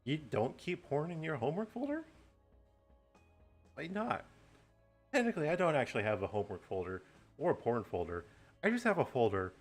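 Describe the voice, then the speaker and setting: A man's voice: fairly high pitch, sing-song, fairly quick, pauses often, faint music behind. A man doing casual game commentary, reading aloud and joking with crude, playful banter.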